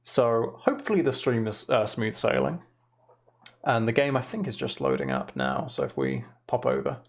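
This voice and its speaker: A young adult male streamer with plenty of gravelly fry in a mid-pitched voice. He talks in a casual, rambling, chatty way to his viewers. The bare room around him gives the sound a clear echo. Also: very animated, moderate pace. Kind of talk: casual livestream chat. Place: emptied room in a house, indoors. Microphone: microphone attached to a shelf. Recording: echoing emptied room.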